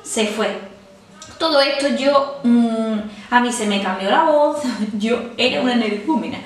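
A woman in her thirties telling a personal story to her viewers in a casual, animated way, laughing as she goes. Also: a little high, unhurried, distant mic, slight background noise. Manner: animated, laughing while recounting. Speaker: vlogger. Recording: echoey room.

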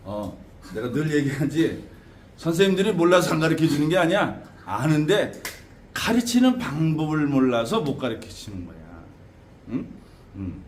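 A man teaching students as a shaman teacher, lecturing in an animated way with frequent tag questions and laughter. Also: a little high, normal speed. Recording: echoey room with faint background noise.

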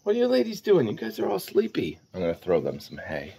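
Filming himself handheld at arm's length, a man in his forties chats casually in a vlog as he does morning chores around the goat barn and farmyard outdoors, rambling to his audience. His mid-range voice is gravelly and warm, quick, with huge pitch swings, over slight background noise.

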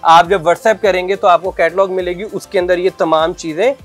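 A middle-aged man from Pakistan who owns a garment shop, giving a persuasive sales pitch and explaining at length in an interview. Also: steady tone, normal speed, faint music behind. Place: clothing shop indoors.

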